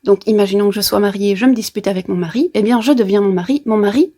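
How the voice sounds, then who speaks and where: A woman's voice: mid-range voice, fast talker, mellow. A woman with a Brussels Belgian accent chats casually and playfully to viewers, explaining astrology like a therapist, with colloquial asides. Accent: Brussels Belgian French. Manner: playful, chatty, with colloquial asides and sound effects.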